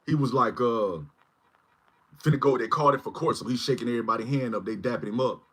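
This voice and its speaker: Husky-voiced man in his forties. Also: medium pitch, fast, a bit bright. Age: 40s. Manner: rambling, keeps asking "you know what I mean". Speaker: channel host. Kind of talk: casual livestream talk.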